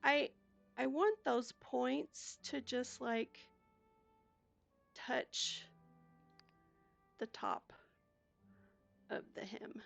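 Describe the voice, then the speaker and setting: Soft, slow, gravelly older woman. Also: high voice, soft background music. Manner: chatty, soft-spoken, talks herself through each step. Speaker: gaming YouTuber. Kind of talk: casual gameplay commentary.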